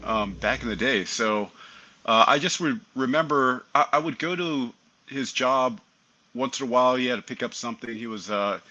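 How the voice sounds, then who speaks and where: Bright-voiced man telling pilot stories. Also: mid-range voice, moderate pace, lo-fi sound. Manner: animated, acts out remembered dialogue. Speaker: airline pilot guest. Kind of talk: casual interview storytelling.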